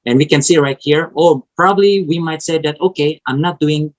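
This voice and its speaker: Teaching Scripture to an online fellowship, this Indonesian-accented preacher, a native speaker of Indonesian, has a voice on the high side. He proceeds in a halting manner, restarting sentences and frequently checking in with "right?"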